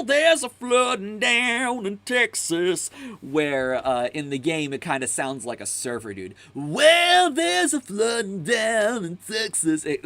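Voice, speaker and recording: A man's voice: lowish voice, fairly bright tone. A young man hosting a casual music tier-list chat, rambling and enthusiastic, full of fillers, swearing now and then. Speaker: host.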